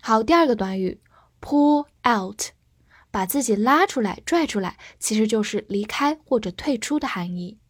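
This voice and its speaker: A woman's voice: a little high, animated, dry recording, studio quality. Cheerful woman teaching English words. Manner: spells words letter by letter and reads example sentences slowly. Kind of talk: vocabulary lesson.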